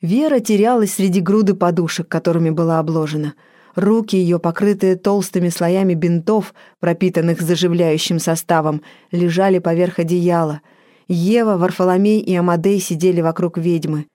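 A woman reading an audiobook aloud in a measured, even manner. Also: on the low side, dry recording, clean studio sound. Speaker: audiobook narrator. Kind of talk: scripted narration.

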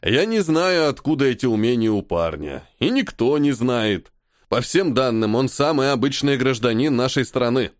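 A man's voice: mid-range voice, expressive, moderate pace, no room sound, clean studio sound, close to an everyday voice. A man reading an audiobook and voicing a stern, ironic army colonel who scolds his subordinate with weary irritation. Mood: irritated. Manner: sarcastic, commanding, weary sighs. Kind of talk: audiobook character voice.

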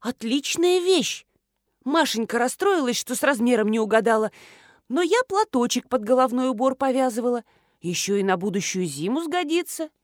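Homely gushing housekeeper, voiced by the narrator, slow and high. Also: female voice, animated, dry recording, studio quality, close to an everyday voice. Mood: delighted.

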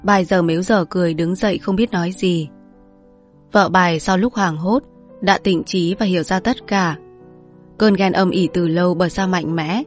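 A woman host reading a novel aloud in measured, polite scripted narration. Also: on the low side, steady tone, soft background music. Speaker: audiobook narrator.

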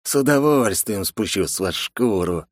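A man's voice: on the low side, expressive, no echo, studio quality. A man doing a barking, stern academy director. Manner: barking, scolding, drawn-out emphasis. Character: stern, bossy male academy director, middle-aged. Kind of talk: audiobook character voice.

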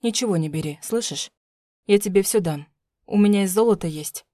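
A woman's voice: medium pitch, a little fast, mellow, dry recording, studio quality, lightly acted. A woman reading an audiobook, voicing a loving, nervous older mother who soothes her daughter. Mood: tender. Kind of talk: audiobook narration.

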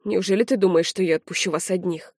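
A woman reading an audiobook, voicing a calm, protective young man in a steady, reassuring, slightly lower voice. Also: fast talker, breathy edge, no room sound, studio quality. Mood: calm, firm.

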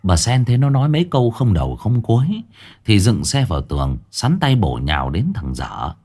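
A man narrating a ghost story in an animated, vivid way. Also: lowish voice, fairly quick, slightly rough.

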